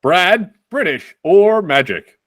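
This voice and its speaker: A man hosting a comedy trivia show in a dry, deadpan way. He speaks slowly, with a lively, rising and falling pitch. The sound is dry and close. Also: no echo. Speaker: game show host.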